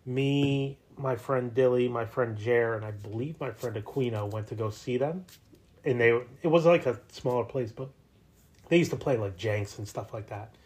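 A man's voice: medium pitch, normal speed, a little mellow. Man, thirties, from new jersey, podcast co-host, casual chat, rambling jokey storyteller.

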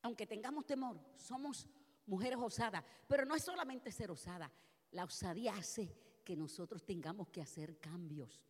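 A woman pastor preaching a passionate sermon, moving from soft, quiet passages to loud shouted ones. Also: medium pitch, normal speed, husky, in a large hall. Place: church.

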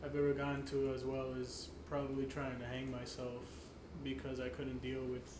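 A man speaking in casual podcast chat in a flat, subdued way. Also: medium pitch, normal speed. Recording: echoey room, clear background noise.

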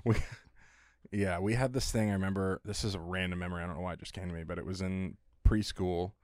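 Man, podcast co-host, low voice, dry sound, loose and profane, laughs a lot. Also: fairly even intonation, fast, darkish tone, no room sound. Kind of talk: casual podcast chat.

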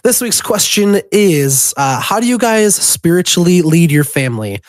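A man hosting and editing a casual podcast, easygoing, reading the show plugs in a relaxed way. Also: sits high, normal speed, no echo, clean studio sound. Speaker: podcast host and editor. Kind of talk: casual chat.

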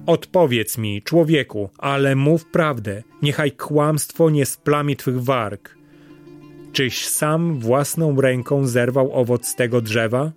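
A man's voice: medium pitch, takes it slowly, faint music behind, lightly acted. A man voicing a loyal, wise female talking parrot who speaks in a courtly, imploring way. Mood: commanding.

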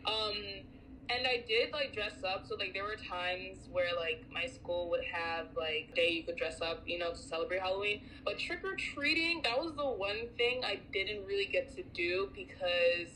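Animated chatty American podcast co-host. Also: female voice, medium pitch, normal speed, a little hiss or hum, poor audio. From United States. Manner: animated, chatty, many fillers. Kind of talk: casual chat.

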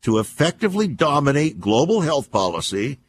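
With a medium-pitched, very animated voice and a little hiss or hum on the recording, this man hosts a radio talk program. His opinion monologue is deliberate, emphatic, alarmist and conspiratorial, peppered with rhetorical questions and repetition.

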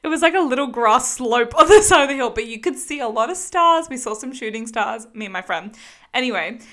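A young Australian woman co-hosting a podcast, telling stories in an animated way and laughing often. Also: on the high side, a little fast. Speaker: podcast co-host. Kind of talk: casual chat.

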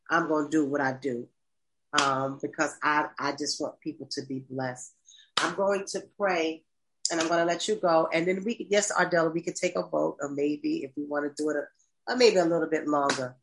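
A woman's voice: deep voice, fairly bright tone, poor audio. A woman in her fifties, a pastor hosting a call-in talk, speaking affectionately in long rambling sentences full of restarts. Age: 50s. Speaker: pastor and host. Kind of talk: casual talk to listeners on a call-in stream.

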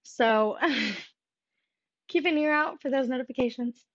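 A woman's voice: high voice, slow pace. A young woman hosting a casual solo podcast, candid and rambling, out of breath from walking around while she records. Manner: candid, rambling, self-deprecating. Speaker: podcast host. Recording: dull lo-fi recording.

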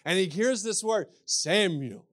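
A pastor with a Kentucky accent preaches a sermon, telling stories from scripture and repeating phrases for emphasis. His voice is high and his speed normal.

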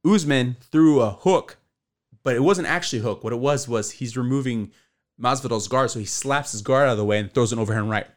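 Male co-host with a slight lisp, mid-pitched, loose rambling delivery, casual podcast talk. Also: a little fast. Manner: loose, rambling, lots of "bro" and "like". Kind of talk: casual chat.

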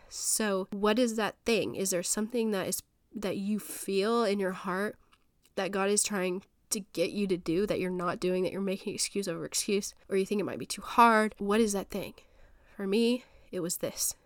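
A woman's voice: mid-range voice, dry recording, studio quality. Stuffy-nosed woman in her thirties. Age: 30s. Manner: earnest, rambling, encouraging. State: stuffy-nosed from a sinus infection. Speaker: podcast host. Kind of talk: faith podcast monologue. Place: home office.

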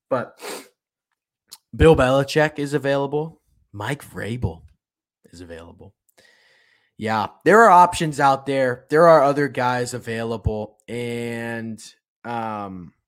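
A man hosting a solo sports podcast, ranting about football in an impassioned, repetitive way. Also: mid-range voice. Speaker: podcast host.

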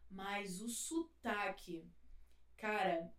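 A woman's voice: mid-range voice, very slow, a bit bright. A woman from Rio de Janeiro, chatting casually and telling a story full of slang. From Rio de Janeiro, Brazil. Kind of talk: casual chat. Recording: roomy, distant mic.

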